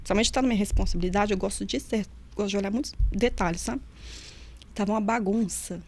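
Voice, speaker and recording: A woman's voice: medium pitch, fast talker. A middle-aged woman, recounting memories in a casual interview and acting out the voices she quotes. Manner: lively storyteller who acts out quoted voices. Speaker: nutritionist and former prison officer, guest.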